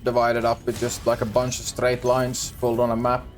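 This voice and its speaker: A young Finland Swedish man, Swedish his first language, chats on a gaming livestream in a medium-pitched, completely flat voice, talking a little fast. He rambles hesitantly, often restarting and laughing, with soft music in the background.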